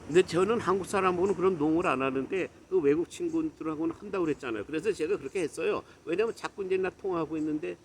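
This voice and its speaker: A man telling a personal story in a casual monologue, animated and mixing English words into his talk. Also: fast, few pauses, slight background noise. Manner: acts out quoted lines with louder, higher bursts.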